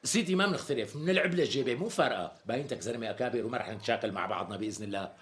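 An actor playing a smooth-talking, evasive tailor in a TV sketch comedy, speaking with a Damascene Arabic accent and chuckling salesman patter. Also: mid-range voice, very fast, fairly bright tone, natural voice. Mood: sweet-talking. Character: smooth-talking flattering middle-aged male tailor.

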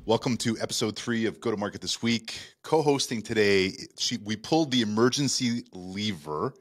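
A man hosts a casual podcast from a studio. His voice sits very low, and he talks in upbeat, jokey banter. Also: fairly quick, soft background music. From Canada. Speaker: podcast host.

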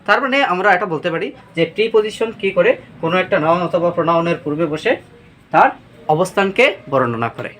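Teacher, grammar lesson, asks and answers own questions, slow example sentences, animated pitch. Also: slight background noise. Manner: reads example sentences slowly. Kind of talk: explaining grammar lesson to students.

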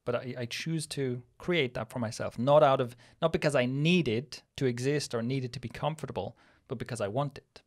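This co-host, a Swiss man in his thirties, speaks fairly quickly in a mid-range voice and barely pauses. He's on a casual podcast, musing aloud with frequent restarts, recorded on a boom-arm studio mic with headphones in a small studio with a plant wall.

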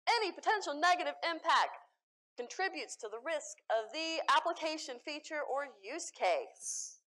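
A young American woman giving a conference talk with slides, animated and self-deprecating, laughing often at her own jokes. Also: high-pitched, normal speed. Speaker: conference speaker. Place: conference hall stage.

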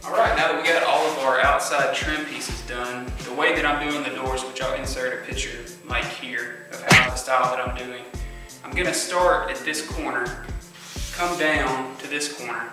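Diy guy talking flat and steady, tons of hall echo, phone mic off at a distance, loud music behind. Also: medium pitch, moderate pace. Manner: plainspoken, steady, with frequent ums. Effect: big hall-like echo on the voice. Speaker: DIY woodworking presenter. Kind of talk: casual how-to tutorial. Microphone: phone camera mic.

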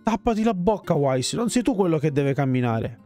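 A man's voice: medium pitch, lively intonation, brisk, mellow, husky, soft background music. A man voicing a weary, short-tempered young hero in a fantasy game. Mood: irritated.

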